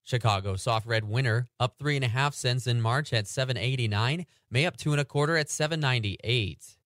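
A man anchoring a radio farm report, reading agricultural news and market prices in a steady newsreader delivery. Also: medium pitch, a little fast, no room sound, clean studio sound.

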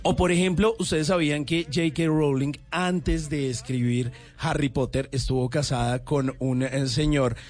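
A man's voice: on the high side, steady tone, moderate pace, few pauses, a little mellow. Enthusiastic man sharing trivia. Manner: enthusiastic, rambling storyteller. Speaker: host. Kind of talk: casual trivia chat.

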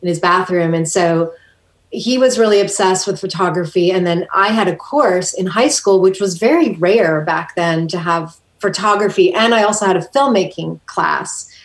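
A woman from Hawaii speaks as a podcast guest. Her voice sits a little low and is soft-spoken, and she explains things with easy fillers. The recording has a noticeable roomy echo. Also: moderate pace. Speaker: guest artist. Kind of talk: conversational interview.

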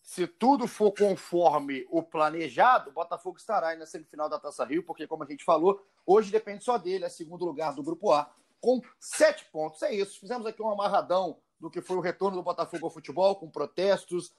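Hosting a casual football show, a sports podcaster with a Brazilian accent talks in a chatty, informal, emphatic style. His voice is high and a little fast, with few pauses.

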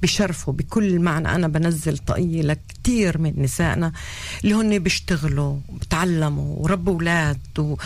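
A woman's voice: low-pitched, brisk, creaky. A woman with a Palestinian Arabic accent speaking bluntly as a guest in a live discussion. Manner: blunt, outspoken. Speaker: talk show guest.

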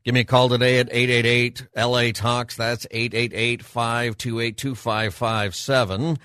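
A man's voice: mid-range voice, level tone, normal speed, fairly bright tone, no echo, clean studio sound. A middle-aged man hosting a live radio talk show in a conversational way, with a showman-like announcer manner.

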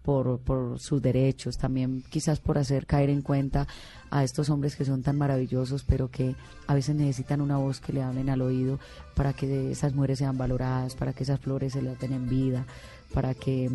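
A woman's voice: rumbling low, flat delivery, normal speed, warm tone, soft background music. A middle-aged Colombian woman, a singer, telling her life story in an earnest, heartfelt way with many restarts. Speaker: singer being interviewed. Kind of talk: emotional personal storytelling.

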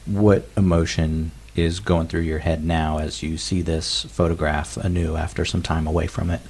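Casting: male newsroom interviewer, low-pitched, rough-edged husky tone. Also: little pitch movement, moderate pace, darkish tone.

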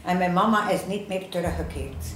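A woman's voice: fairly low pitch, brisk, fairly bright tone. A woman in her seventies with a broad West Flemish dialect accent, chatting plainly in an interview. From West Flanders, Belgium. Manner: plain-spoken, dialect phrasing. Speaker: interviewee, restaurant owner. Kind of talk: casual conversation. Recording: roomy, noisy on-location recording.

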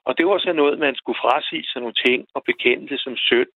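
A man calling in to a radio show, telling a personal story in a halting way, repeating words as he goes. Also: mid-range voice, no room sound. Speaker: radio caller. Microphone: telephone. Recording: tinny phone line, dry.

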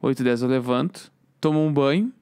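A man, co-hosting a podcast and telling a rambling, animated story in casual chat. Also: mid-range voice, quick pace, clean tone, no echo, studio quality. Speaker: podcast co-host.

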